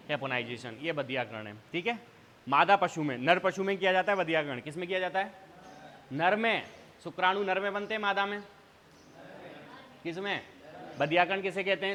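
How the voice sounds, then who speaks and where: In a classroom with hall reverb, a male teacher delivers an exam revision lecture in a fairly high, bright, forceful voice. He quizzes students through repeated call-and-response, asking a question, answering it, then asking again.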